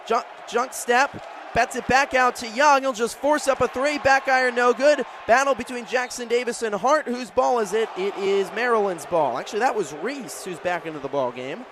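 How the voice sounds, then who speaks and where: A very high-pitched American man calls a live basketball game on the radio at a moderate pace, delivering play-by-play in clipped, descriptive phrases. He sits courtside in a large indoor arena, and the recording picks up the crowd, faint arena noise, and a bouncing ball.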